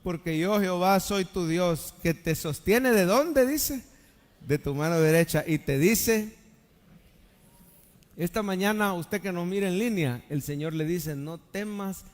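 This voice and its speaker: A male pastor preaching a live sermon, swinging between loud calls and hushed lines and asking the congregation for amens. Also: sits high, lively intonation, measured pace. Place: church sanctuary during a live service. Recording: long church-hall reverb.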